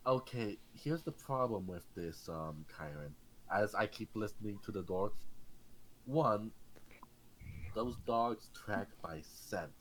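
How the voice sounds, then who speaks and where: A man's voice: on the low side, expressive, takes it slowly, poor audio. A man talking casually as a player in a tabletop role-playing game, slipping in and out of character.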